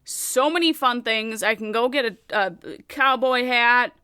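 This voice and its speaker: An excitable young woman co-hosting a casual podcast, gushing with enthusiasm and swearing freely. Her voice sits high and sounds bright and forceful, recorded dry and close. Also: measured pace, smooth, no echo. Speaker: podcast co-host. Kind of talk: casual chat.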